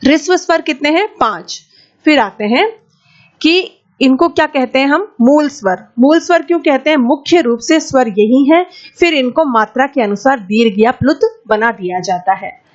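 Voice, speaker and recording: A woman teaching an exam-prep Sanskrit lesson, asking questions and answering them herself, sometimes drawing out vowel sounds slowly. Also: high voice, expressive. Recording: slightly dull, lo-fi audio.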